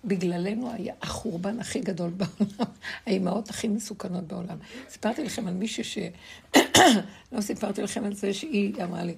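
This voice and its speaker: A middle-aged woman giving a spiritual lesson to a group, telling stories in a lively way and laughing between points. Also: mid-range voice, creaky, husky. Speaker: religious teacher.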